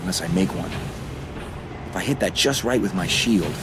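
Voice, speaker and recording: An actor playing a brave, determined young American soldier hero in a video game, musing tersely aloud. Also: male voice, low-pitched, expressive, moderate pace, loud music behind the voice. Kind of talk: cinematic game voice acting.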